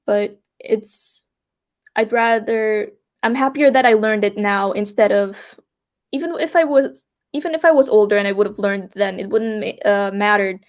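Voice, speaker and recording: A young woman hosting a podcast, sharing her experiences in an open, reflective way. She sometimes restarts her sentences as she works through her thoughts, and her voice sits at a middle pitch. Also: fairly even intonation, moderate pace. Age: young adult. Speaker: podcast host. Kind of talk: candid personal conversation.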